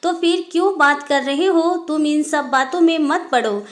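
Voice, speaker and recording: A woman's voice: high-pitched, normal speed, lightly acted. A woman voicing a hurt young married woman who speaks sharply and curtly in a storybook tale. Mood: angry. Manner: sharp and curt.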